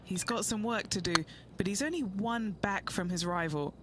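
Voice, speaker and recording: A man's voice: high-pitched, normal speed, close to an everyday voice. A man giving informal golf commentary as an on-course reporter. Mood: casual. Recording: noisy outdoor ambience behind.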